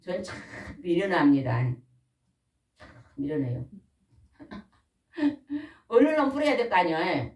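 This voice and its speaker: An older woman preaching a folksy, animated sermon in a church, often asking the congregation questions. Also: on the low side, unhurried, pauses often. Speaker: pastor's wife preaching. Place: church hall. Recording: echoey room, mic at a distance.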